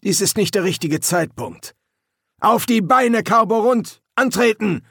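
A man voicing a gruff male drill sergeant who barks commands at recruits, in an audiobook. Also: fairly high pitch, sing-song, unhurried, no echo, studio quality, pitched above the performer's own voice. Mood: barking. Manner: barking, commanding.

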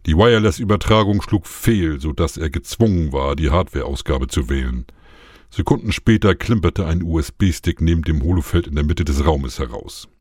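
A man narrating a science-fiction story in a measured, even way. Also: very deep voice, slightly rough, dry recording, studio quality. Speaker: audiobook narrator. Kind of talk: scripted narration.

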